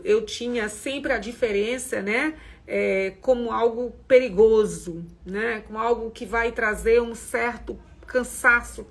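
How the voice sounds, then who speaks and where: Woman host, husky and a little high, gentle reflective self-help talk, chatty asides. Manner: gentle, conversational, frequent "né?" asides. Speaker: host of a women's self-development community.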